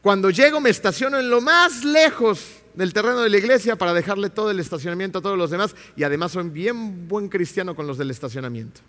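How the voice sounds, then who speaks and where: A man's voice: high voice, animated, fast talker, hardly any pauses, bright, forceful tone, in a large hall. A man voicing a boastful, self-righteous male churchgoer who brags about his own piety. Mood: smug bragging. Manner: smug, bragging.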